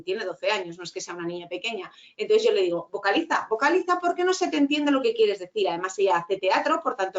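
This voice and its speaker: A middle-aged woman teacher giving an online lecture, talking fast and tagging her points with quick checks. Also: mid-range voice, muffled recording. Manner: fast-talking with frequent "¿vale?" tags.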